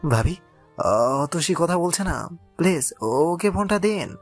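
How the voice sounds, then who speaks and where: A man voicing a nervous young groom in an audio story drama, speaking low and firm. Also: moderate pace, gravelly, dry recording. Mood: anxious. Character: nervous young groom, worried then stern. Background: soft background music.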